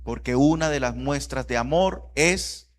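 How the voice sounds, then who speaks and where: Impassioned pastor preaching. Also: male voice, mid-range voice, measured pace, slight background noise. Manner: swings from soft reflective lines to loud, rising repetition. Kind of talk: sermon.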